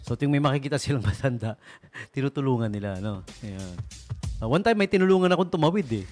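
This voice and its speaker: Man, radio DJ, casual joking talk, lively pitch, faint music behind. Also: fast talker. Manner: jokey, rambling, laughs often; mixes in English phrases. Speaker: radio DJ host.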